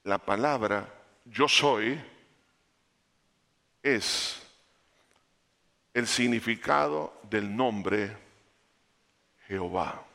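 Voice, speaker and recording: A man preaching a sermon, animated, rising for emphasis and dropping low, calling the listeners brother. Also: very slow, gravelly, long pauses.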